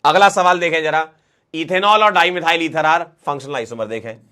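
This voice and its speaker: A man's voice: a little high, a little fast, clear, resonant tone. Playful Hindi-speaking man teaching chemistry. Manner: lively, playful, coaxing students through questions. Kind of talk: online class lecture.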